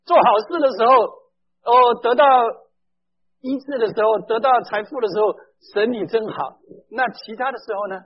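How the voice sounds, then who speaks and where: Male preacher, very high and breathy voice, emphatic sermon style with questions to the congregation, dull lo-fi recording. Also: moderate pace. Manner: emphatic, questions the listeners directly; mixes in English phrases.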